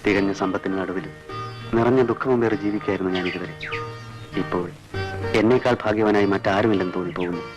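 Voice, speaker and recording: A man playing a young man in love in an old film, speaking softly to his bride-to-be. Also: low voice, fairly even intonation, quick pace, pauses often, natural voice. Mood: tender. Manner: soft romantic, gently asking. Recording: old film soundtrack with music.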